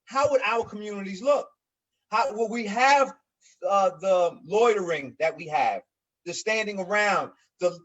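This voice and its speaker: A man in his forties from New York speaks on a virtual panel about his housing community. His voice sits fairly high, and he talks in an earnest, halting way, repeating words as he works toward each point. The video call audio is dull and lo-fi. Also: a bit bright. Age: 40s. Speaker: resident association leader. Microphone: video call mic.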